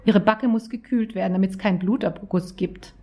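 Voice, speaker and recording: A woman voicing a calm, practical man who speaks matter-of-factly. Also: medium pitch, moderate pace, breathy edge, natural voice.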